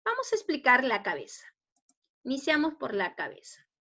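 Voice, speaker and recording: A woman with a Peruvian Spanish accent teaching a spelling lesson to students, explaining patiently and checking understanding with quick questions. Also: sits high, huge pitch swings, bright, forceful tone. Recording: dull lo-fi recording.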